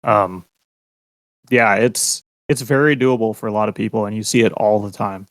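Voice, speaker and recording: A man's voice: lowish voice, normal speed. A man talks wryly on a fan podcast panel and laughs easily. His voice sounds dry and close, with no room echo. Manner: wry, laughing. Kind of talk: casual chat.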